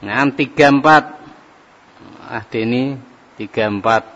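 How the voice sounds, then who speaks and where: A man teaching an Arabic grammar lesson to a class, drawing out each phrase slowly as he drills it. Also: mid-range voice, a bit bright. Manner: slow, drawn-out drilling of phrases. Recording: dull lo-fi recording with long reverb.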